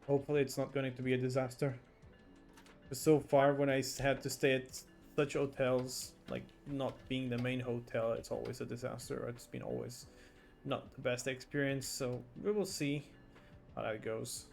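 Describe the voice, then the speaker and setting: A man's voice: mid-range voice, level tone, normal speed, vocal fry, darkish tone, faint music behind. A man streaming a game live, chatting casually and reacting aloud as he plays and reads chat.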